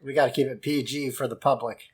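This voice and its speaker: A man's voice: mid-range voice, steady tone, quick pace, breathy edge. A man co-hosting a casual podcast chat, joking around and laughing often. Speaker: podcast co-host.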